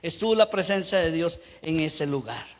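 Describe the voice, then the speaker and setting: A middle-aged man with a Costa Rican accent preaching a sermon as pastor, emphatic and telling lively anecdotes. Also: on the high side, normal speed. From Costa Rica.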